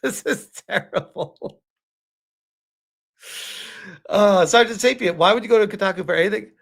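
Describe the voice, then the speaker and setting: A man with a high, creaky, slightly bright voice talks at a moderate pace. Streaming, he reads a game review, reacts to it and chats with his live audience, sounding sarcastic and exasperated and prone to chuckling and swearing.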